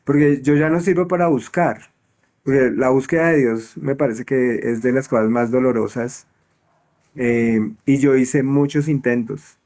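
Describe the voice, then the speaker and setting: A man's voice: mid-range voice, fairly even intonation, measured pace, darkish tone. A man talking reflectively in a conversation, often stumbling and repeating words while he thinks.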